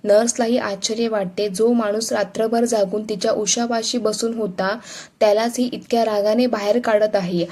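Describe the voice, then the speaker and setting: A woman narrating a family drama story in a steady, unhurried reading style. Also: on the high side.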